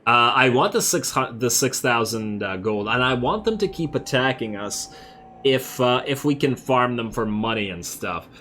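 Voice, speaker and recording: A man's voice: mid-range voice, lively intonation, normal speed, sharp tone, slight background noise. A man giving casual, laid-back strategy game commentary, thinking aloud as he plays. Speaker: gamer, host of a let's play series. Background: game music.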